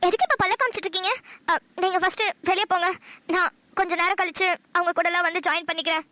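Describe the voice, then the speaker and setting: Nila, a very high, bright sulky young wife. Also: female voice, steady tone, fast talker, no room sound. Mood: defiant. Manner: pouting, tearful retorts. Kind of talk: Tamil cartoon dialogue.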